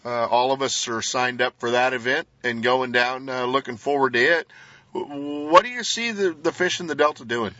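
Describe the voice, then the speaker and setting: A man hosting a casual radio talk, speaking haltingly with frequent hesitations and pauses. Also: medium pitch, pushed and bright, no room sound, dull audio. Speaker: radio show host. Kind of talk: casual fishing interview and sponsor reads.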